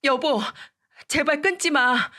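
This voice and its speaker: A woman's voice: sits high, slow, bright, forceful tone, voice pushed up, exaggerated voice. A woman voicing a tearful ex-wife who pleads and begs, in a story radio reading. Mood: begging. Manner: crying, begging.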